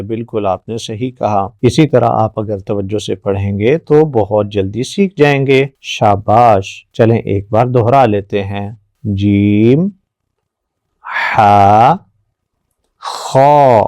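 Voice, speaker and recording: A man teaching children their letters, patient and encouraging, often praising and drilling slow repetitions. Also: lowish voice, a little mellow, no echo. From Pakistan. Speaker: Quran teacher.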